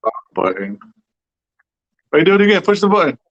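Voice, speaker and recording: A man's voice: fairly high pitch, very animated, brisk, no room sound. A man from the Tohono O'odham Nation, a guest musician chatting casually and swearing now and then. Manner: laid-back, swears casually. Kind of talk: casual chat. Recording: slightly dull, dry sound.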